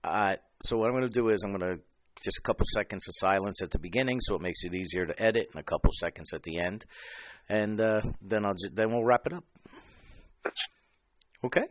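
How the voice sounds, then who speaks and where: A man hosting a podcast interview, chatting casually and halting with fillers and restarts. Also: fairly low pitch. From New Jersey. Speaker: podcast host.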